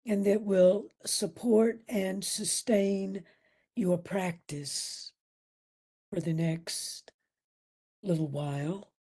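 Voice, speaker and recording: A woman guides a meditation as the instructor, gentle and soothing, her breathy voice sometimes dropping almost to a whisper between long pauses. Her voice sits in the mid-range, and her tone stays steady.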